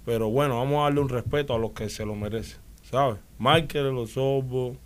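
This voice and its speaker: A man's voice: mid-range voice, moderate pace, smooth. A man with a Cuban Spanish accent recounts his experiences in a casual conversational interview. He talks animatedly, restarts his sentences often and keeps checking in with his listeners. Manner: animated storytelling, frequent restarts and "¿me entiendes?". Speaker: interview guest.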